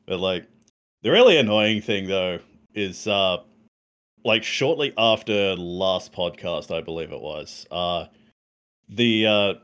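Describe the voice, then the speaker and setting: A man's voice: deep voice, takes it slowly, fairly bright tone, smooth. A man, co-hosting a casual gaming podcast, talking in a laid-back, rambling way full of fillers. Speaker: podcast co-host.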